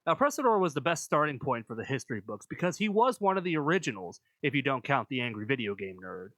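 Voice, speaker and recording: A man reading scripted video essay narration in a measured, explanatory manner. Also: mid-range voice, very animated, fairly bright tone, no echo.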